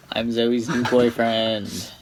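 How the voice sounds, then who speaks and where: A man's voice: medium pitch, flat delivery, extremely slow. A young adult man joking around in casual banter with friends. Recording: loud noise, far from mic.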